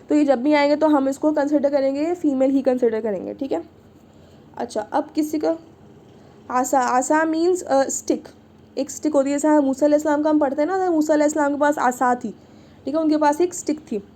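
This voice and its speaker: Woman teaching arabic online, high voice, patient, keeps going "theek hai". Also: mellow. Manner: patient, repeats "ठीक है" often. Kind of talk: online class lesson.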